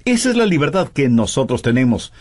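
A man's voice: medium pitch, sing-song, fairly quick, darkish tone. A man preaching a sermon in a voice-over, emphatic and full of pointed rhetorical questions.

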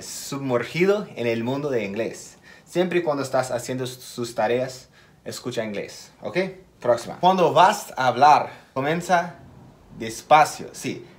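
A man giving a casual video lesson as an English teacher. He speaks slowly and deliberately, repeats key words and makes small slips in his Spanish. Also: medium pitch, lively intonation.

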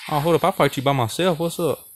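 A man's voice: a little high, fast, faint music behind. Trash-talking gamer guy, home mic. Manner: trash-talking, playful, talks to the viewers. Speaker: gaming channel host. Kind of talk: casual gameplay commentary.

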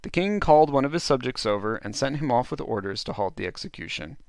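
A man's voice: mid-range voice, expressive, fast, vocal fry, no echo, clean studio sound. A man narrating a dubbed storybook play as host, with playful, chuckling asides.

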